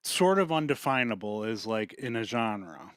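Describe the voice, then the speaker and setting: A man's voice: on the low side, big pitch swings, fairly bright tone, smooth, no echo, clean studio sound. Rambling, swearing male podcast host. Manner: rambling, swears often, quick laughs. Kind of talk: casual chat.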